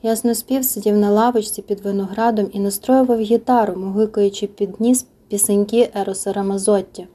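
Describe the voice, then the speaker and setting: A woman reads a novel aloud in a soft, intimate audiobook style. Her voice is very dark and mellow with a husky grain, and at times she drops to a near-whisper. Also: mid-range voice, fairly even intonation, brisk, hardly any pauses. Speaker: audiobook narrator. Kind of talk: scripted narration of a novel.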